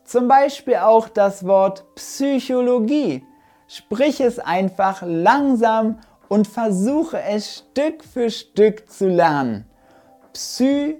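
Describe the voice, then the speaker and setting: A woman teaching German pronunciation in an online lesson, modeling words slowly and clearly, syllable by syllable. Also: on the high side, lively intonation, dark tone, faint music behind.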